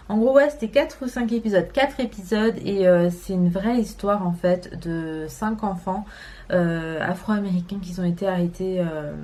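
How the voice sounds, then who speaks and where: A woman's voice: on the low side, warm tone. A woman in her twenties from France, chatting casually to camera at home, rambling with many fillers. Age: 20s. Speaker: vlogger. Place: home, indoors.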